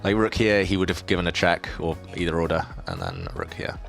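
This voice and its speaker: A man with a very low voice chats casually through a live chess stream, mocking his own mistakes and answering viewers. Faint music plays quietly underneath. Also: wildly swooping pitch, brisk, creaky. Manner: self-deprecating, chatty, reads chat questions aloud.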